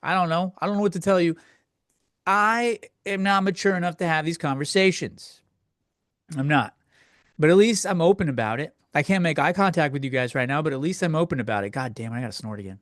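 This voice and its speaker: Slightly high-pitched and a little fast, this podcast host is recorded dry with studio quality. His solo comedy rant answering listener questions is crude, rambling, conversational, and full of self-mockery.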